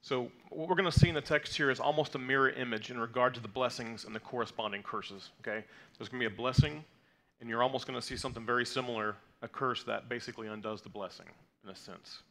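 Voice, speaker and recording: A man's medium-pitched, fairly bright voice moves quickly with hardly any pauses. In his thirties and with a first language other than Hebrew, he teaches a congregation the weekly Torah portion from a lectern in a mid-size indoor sanctuary, patiently explaining terms amid frequent fillers and "okay?" checks.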